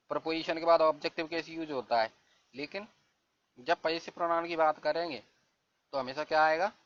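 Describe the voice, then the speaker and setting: A man teaching English grammar in Hindi, reading English rules out slowly and asking and answering his own questions. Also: medium pitch, fairly bright tone. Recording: dull lo-fi recording with faint hiss.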